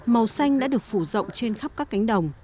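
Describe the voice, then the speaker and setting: A woman's voice: a little high, a little fast. Woman reading regional news. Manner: steady, formal read. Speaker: news narrator. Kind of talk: scripted news voice-over.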